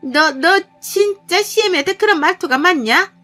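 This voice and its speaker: A woman voicing a domineering older mother-in-law who berates her daughter-in-law with shrill contempt. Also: expressive, normal speed, sharp tone, faint music behind, exaggerated voice. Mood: furious.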